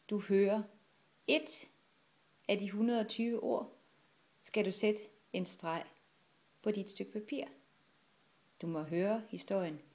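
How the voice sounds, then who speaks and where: A woman giving instructions for a listening exercise for children, in a calm, soft voice. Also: mid-range voice. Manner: lively, shouts the pirates' lines loudly. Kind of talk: storybook reading aloud with character voices.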